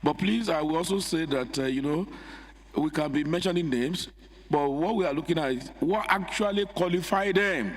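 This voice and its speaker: Nigerian speaker chairing a session. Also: male voice, fairly high pitch, normal speed. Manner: informal, conversational asides. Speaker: house speaker. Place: legislative chamber. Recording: reverberant assembly hall.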